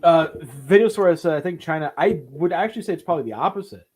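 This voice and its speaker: Brief: man co-host, casual and playful, with a slightly high, animated voice. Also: breathy edge. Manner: playful, joking, quick to laugh. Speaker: podcast co-host. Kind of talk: casual chat about film releases.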